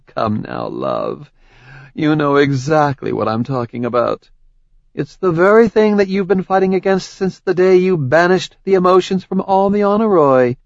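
A man's voice: medium pitch, gravelly, no room sound, voice pushed up. A man voicing a proud, scheming goddess queen who needles her husband relentlessly, in an audiobook with a slightly dull, dry recording. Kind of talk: audiobook character voice.

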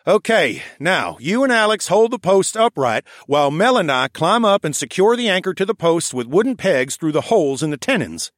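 A high, lively raccoon architect who hands out brisk, encouraging orders, as a man puts him on. His voice leaps about and sounds bossy and keen. The recording is dry and close. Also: no room sound. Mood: commanding.

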